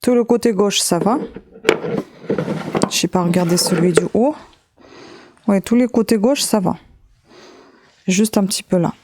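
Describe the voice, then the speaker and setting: Woman vlogger unboxing stuff, mellow tone, lots of euh and restarts, chatty. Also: medium pitch, measured pace, long pauses, slight background noise. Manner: chatty, hesitant, many fillers and restarts; talks straight to viewers while handling an object. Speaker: beauty vlogger. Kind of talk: casual unboxing vlog.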